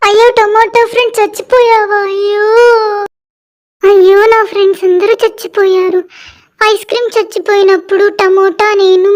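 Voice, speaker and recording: Super squeaky tiny onion girl, cartoon storybook voice. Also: darkish tone. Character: squeaky little female onion, cheerful then grieving. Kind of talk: animated storybook voice acting.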